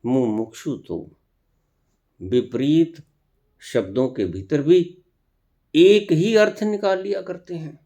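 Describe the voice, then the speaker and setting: With a fairly high pitch and a dark tone, a man delivers a spiritual teaching slowly and deliberately, with long pauses. He occasionally chides listeners by posing rhetorical questions.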